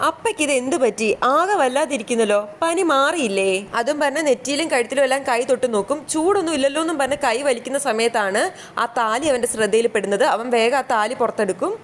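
Woman recapping a TV serial, high voice, steady storytelling. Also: brisk, slight background noise. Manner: steady storytelling in present tense.

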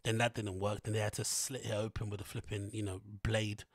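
Low-voiced British man, muffled closed-mouth talking. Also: flat delivery, fairly quick, dry recording, clean studio sound. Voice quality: muddy, marble-mouthed articulation. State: recovering from tonsillitis. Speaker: solo podcast host. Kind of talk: casual rambling chat. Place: small plain room indoors. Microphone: large close studio mic with foam cover.

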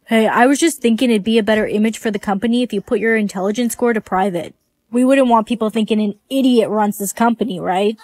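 A woman's voice: on the high side, quick pace, a little mellow, dry recording, studio quality. A woman's synthetic text-to-speech voice reading lines in a storytime skit.

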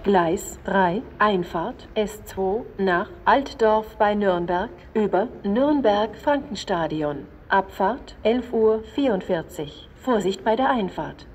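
Woman doing automated train platform announcements, standard german, neutral and measured, echoey speakers, some station noise behind. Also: mid-range voice, animated, a little mellow. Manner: measured, segmented, neutral delivery. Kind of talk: scripted automated public announcement.

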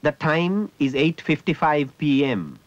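A man narrating a ritual in a measured, descriptive way. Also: a little high, very animated, no echo, dull audio.

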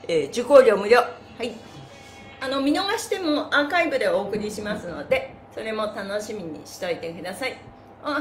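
A middle-aged woman, her voice a little high, hosts a live-streamed stretch class with cheerful, playful, exclamatory chatter, instructions and announcements. She's in a small, bare room with a wooden floor, where the sound echoes and music runs behind her.

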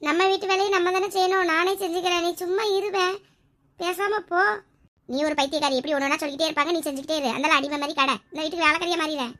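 High quick girl acting a family skit. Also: fairly even intonation, pushed and bright. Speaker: skit performer. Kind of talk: homemade family drama skit.

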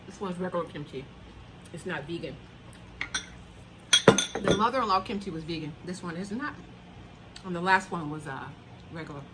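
Brief: lower-voiced woman chatting mid-bite with her mouth full, plates and cutlery clinking around her. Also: normal speed, pauses often, noisy background. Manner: relaxed, chewing between words. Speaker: mukbang host. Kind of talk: casual eating chat.

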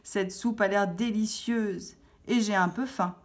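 A woman's voice: medium pitch, steady tone, measured pace, voice pushed up, lightly acted. A woman voicing a curious little girl who exclaims about everything in a storybook reading. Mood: fussy.

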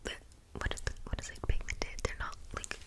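A young woman whispering softly in a rambling ASMR style, close to the mic, often repeating words and phrases. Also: fairly quick. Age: young adult. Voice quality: soft unvoiced whisper. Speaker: ASMR creator. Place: small bedroom, indoors. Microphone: large desktop condenser mic, very close.

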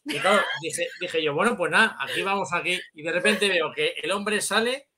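A middle-aged guest with a Spanish accent from Spain chats casually on a video call from an indoor room, telling anecdotes in colloquial language. His voice is high-pitched and sharp, at a normal speed.

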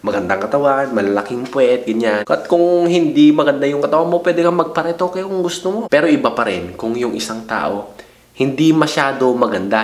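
A young man vlogging casually, giving playful, slangy advice and teasing his viewer. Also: medium pitch. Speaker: vlogger giving dating tips. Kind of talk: casual joking talk to camera. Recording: echoey room.

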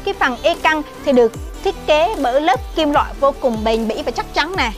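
A woman with a high, bright voice presents a product review for a shop. Her delivery is upbeat and chatty, the friendly patter of a salesperson. Faint music plays quietly behind her. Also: animated, brisk. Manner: chatty, friendly sales talk with frequent "nè" and "nha".

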